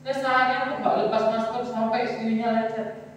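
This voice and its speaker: A woman's voice: a little high, level tone, brisk, a little hiss or hum. Young woman, personal testimony, rambling storyteller who acts out quotes; distant, very echoey church hall. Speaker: testimony speaker at a youth service.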